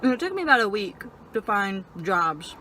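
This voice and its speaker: A young woman telling personal stories casually while eating and chewing, in halting phrases peppered with "like". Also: mid-range voice, sing-song, bright, forceful tone, slight background noise, rough recording. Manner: frequent filler "like", halting stop-and-start phrasing. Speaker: vlogger. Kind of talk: casual personal storytelling chat.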